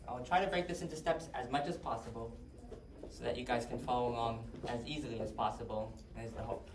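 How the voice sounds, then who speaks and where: A man's voice: medium pitch, fairly even intonation, a little fast. A man giving a math lecture, talking casually and asking his class questions. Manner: conversational, asks the class questions. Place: lecture hall. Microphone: distant room mic. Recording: roomy, distant, faint hiss.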